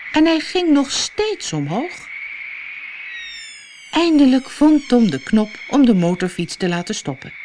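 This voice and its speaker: A woman from the Netherlands reading a children's audiobook aloud with expressive storytelling. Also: medium pitch, noisy background. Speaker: storybook reader.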